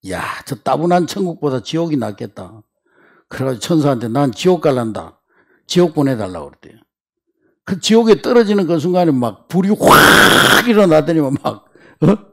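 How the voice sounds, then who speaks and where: Gravelly, animated Korean pastor preaching. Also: male voice, on the high side, normal speed. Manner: animated preaching, acting out voices in quoted asides. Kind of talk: sermon. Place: church sanctuary.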